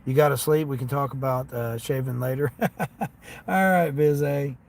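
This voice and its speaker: Sitting in a parked vehicle, a livestream host who works as a gig delivery driver chats casually and ramblingly with viewers in a folksy way. He has an American accent with a slight Southern tinge and a creaky, mid-range voice at a moderate pace, against steady vehicle and ambient noise.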